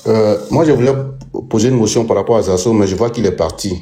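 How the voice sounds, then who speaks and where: A man on a live-streamed panel, posing a measured question. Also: fairly low pitch, mellow.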